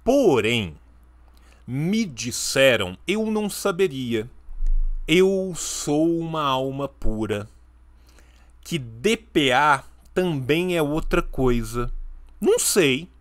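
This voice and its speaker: A man's voice: on the high side, very animated, takes it slowly. Playful Brazilian man streaming a reaction. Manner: playful, emphatic, ironic asides. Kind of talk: casual live reaction stream.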